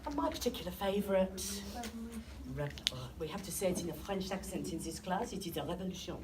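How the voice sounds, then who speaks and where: A woman teacher runs a classroom lesson, tossing out questions and praising answers. Her voice rises and falls in lively swings. It sounds like a distant classroom recording with steady background noise. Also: medium pitch, brisk. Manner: questioning students, encouraging.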